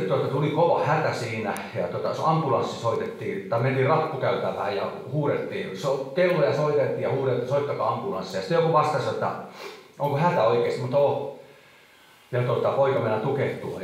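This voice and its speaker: Man giving a halting testimony in an echoey hall. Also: mid-range voice, far from the mic. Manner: halting, emotional storytelling with many fillers. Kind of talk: testimony sermon.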